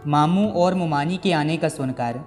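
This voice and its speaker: A male storyteller with a somewhat high voice reads a moral tale in a solemn, moralizing manner. His narration rings in a long reverb, with music playing underneath. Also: measured pace, a little mellow.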